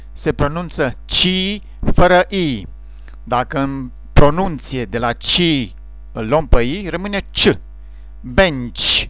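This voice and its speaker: A man calmly teaching English pronunciation sounds, speaking slowly and carefully as in a scripted lesson. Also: on the high side, no echo. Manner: slow, careful, explanatory delivery. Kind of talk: scripted instructional narration.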